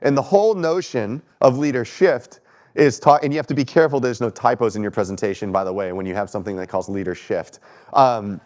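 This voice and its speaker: With a mid-range, slightly mellow voice and a brisk pace, a Texan-accented man from Texas in his thirties gives the keynote at a conference from a lecture hall stage. Allergies make him sound stuffy, and his style is conversational and self-deprecating, with questions aimed at the audience.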